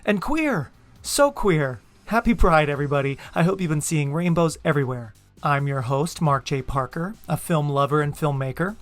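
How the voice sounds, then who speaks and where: A man's voice: a little high, normal speed, hardly any pauses, soft background music. A man in his thirties with an American accent, hosting a podcast in a playful, campy way. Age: 30s. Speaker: podcast host. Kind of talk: upbeat podcast intro and casual chat.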